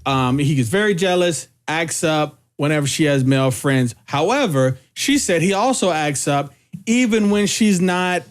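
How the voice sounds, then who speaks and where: A man with a slightly high voice hosts a casual podcast chat. He talks in a reflective, measured way, choosing his words with care. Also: animated. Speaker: podcast host.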